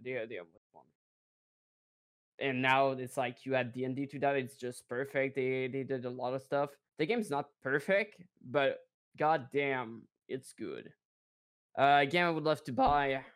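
Smooth-voiced man in casual podcast chat. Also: medium pitch, unhurried. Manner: laughs often, searches for words. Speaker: podcast co-host.

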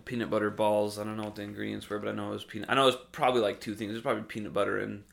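A man's voice: fairly low pitch, level tone, racing, gravelly, a bit bright. A young man hosting a casual chat, rambling with lots of fillers and restarts and laughing often. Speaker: host.

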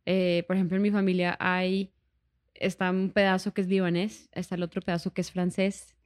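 A woman, a musician who is a guest on a podcast, talking in a relaxed, easygoing way. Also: fairly low pitch, moderate pace. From Colombia. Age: 30s. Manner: relaxed and easygoing, with frequent soft affirmations. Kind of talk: casual interview chat.

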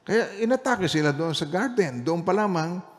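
Animated male pastor preaching in reverberant hall. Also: high voice, normal speed. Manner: animated storytelling, swinging between loud emphasis and quiet asides. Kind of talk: Bible study sermon with personal testimony.

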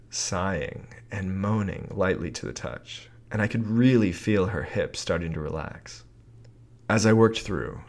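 A man narrating a first-person erotic story in a calm, confiding, unhurried way. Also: lowish voice.

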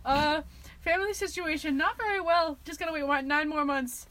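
A woman's voice: sits high, normal speed, a bit bright, slight background noise. A young woman sharing her story hesitantly in a casual chat, with many ums and restarts. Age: young adult. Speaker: guest. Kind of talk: casual chat among friends.

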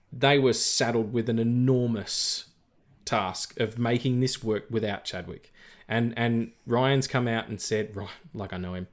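A man co-hosting a film podcast, talking casually with lots of fillers, restarts and jokes. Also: lowish voice. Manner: rambling, many fillers and restarts, jokey. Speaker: podcast co-host. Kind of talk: casual film review chat.

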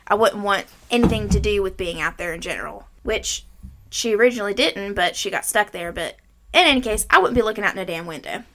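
A woman's voice: medium pitch, animated, a little fast, a bit bright. A woman around her thirties hosting a movie recap, mixing scripted summary with informal, salty chat. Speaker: podcast host.

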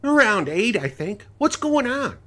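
A man's voice: very high voice, big pitch swings, a little slow, fairly bright tone, pitched above the performer's own voice, full character voice. A man voicing a groggy farm wife, giving short offhand answers in a raised voice.

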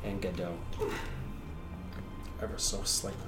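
A man's voice: deep voice, level tone, measured pace, over loud music. Male game master in an echoey room. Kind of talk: narrating a tabletop game, casual asides. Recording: roomy, distant mic with background noise.

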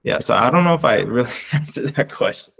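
A man's voice: mid-range voice, lively intonation, fairly quick, vocal fry, a bit bright, breathy edge. A young man from Canada, a research coordinator answering interview questions in a casual, rambling way with many fillers and restarts.

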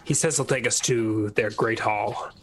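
A man's voice: fairly low pitch, measured pace. A man playing a tabletop game, chatting casually and thinking aloud with some hesitation.

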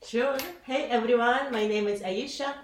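A woman's voice: a little high, normal speed, echoey room, a little hiss or hum. A woman in her twenties from Kazakhstan, a podcast guest who chats casually with many "like" fillers. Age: 20s. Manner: chatty, laughs often, many "like" fillers.

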